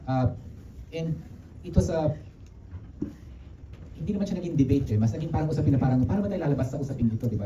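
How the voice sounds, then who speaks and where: A middle-aged man with a Filipino accent, a film director answering press questions in rapid, animated Filipino mixed with English, with many restarts. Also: mid-range voice. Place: media conference room. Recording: dull, roomy, distant, with background noise.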